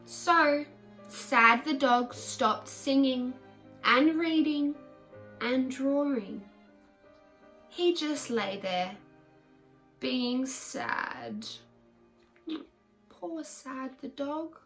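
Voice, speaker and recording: Female children's storyteller, bright and unhurried, speaking simply and directly to young listeners. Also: high-pitched, faint music behind, low-quality recording. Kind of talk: reading a picture book aloud to children.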